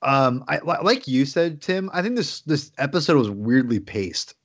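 A man co-hosting a casual podcast review, animated, mocking scenes in silly high voices. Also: moderate pace. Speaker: podcast co-host. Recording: dull lo-fi dry sound.

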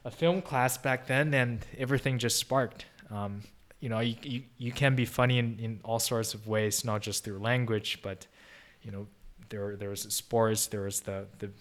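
A podcast guest: a young man from China whose first language is Chinese, speaking casually in an interview setting. The pitch sits fairly low, with a steady, fairly bright tone and a moderate pace. His delivery is considered, marked by repeated restarts and fillers.

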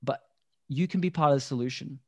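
A man, a guest on a podcast, explaining things earnestly and deliberately in a conversational interview. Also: medium pitch, a little mellow, slightly rough, dry recording. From Australia. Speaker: podcast guest, endurance athlete.

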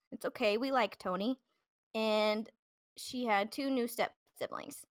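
A woman's voice: fairly high pitch, fairly bright tone, dry recording. A woman in her twenties, co-hosting a true crime podcast, chatting casually with lots of fillers and some swearing. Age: 20s. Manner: chatty, filler-heavy, swearing, self-deprecating. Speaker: podcast co-host telling a true crime story. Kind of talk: casual podcast chat and storytelling.

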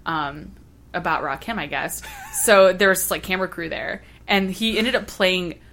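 Female podcast guest: bright, animated storyteller who uses many fillers. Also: fairly low pitch, normal speed. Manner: animated storyteller, filler-heavy, laughs often. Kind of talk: casual chat.

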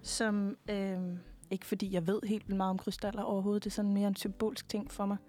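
A young woman in her twenties, a guest singer, chatting casually in an interview, relaxed and hesitant with many fillers. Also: medium pitch, faint music behind.

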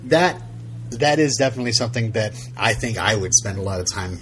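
A man's voice: fairly low pitch, expressive, a little fast, fairly bright tone, slight background noise. A man co-hosting a podcast in a casual chat, rambling with many restarts and fillers. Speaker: podcast co-host.

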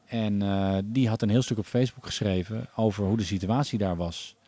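A man talks as a podcast guest, thinking aloud with many pauses and restarts. His voice sits low and sounds dark and mellow. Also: steady tone. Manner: thoughtful, many hesitations and restarts. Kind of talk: casual podcast conversation.

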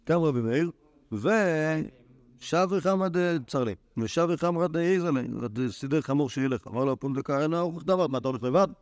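A rabbi teaches a Talmud class in a classroom, his voice set a little high. He reads the old text aloud and then talks it through in plain words, stopping and restarting often. The sound is close and dry, with no room around it. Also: animated, a little mellow, no room sound. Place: classroom with students.

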